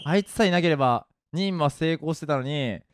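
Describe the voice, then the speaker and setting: A man's voice: on the high side, fairly quick, slight background noise. A young man, a pro gamer, telling rambling, self-mocking childhood stories in casual chat while he plays a game. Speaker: pro gamer and video creator. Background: faint game music.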